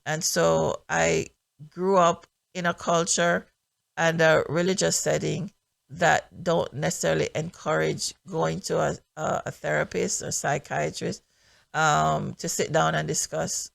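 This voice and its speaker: A middle-aged woman from Jamaica, hosting a faith podcast and sharing her personal testimony in an earnest, reflective way with many pauses. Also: low-pitched, flat delivery, creaky, no room sound. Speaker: podcast host and minister.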